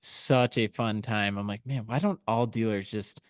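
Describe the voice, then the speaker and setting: Excited man telling a story, dry sound. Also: on the low side, normal speed, clean tone, dry recording. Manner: animated storyteller, lots of "like" and "dude". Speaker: podcast co-host. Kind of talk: casual chat, storytelling.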